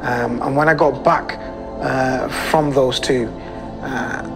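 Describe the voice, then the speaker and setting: British man, adventurer interviewee, average pitch, chatty and quick when excited, strong music under him. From United Kingdom. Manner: lively and conversational, speeding up when excited. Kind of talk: interview storytelling. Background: background music.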